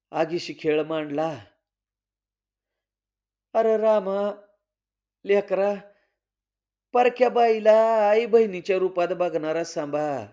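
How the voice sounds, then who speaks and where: A man's voice: sits high, mellow. A man voicing a firm village mother. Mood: defending. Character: earnest rural mother, steady and protective. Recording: slightly dull lo-fi recording.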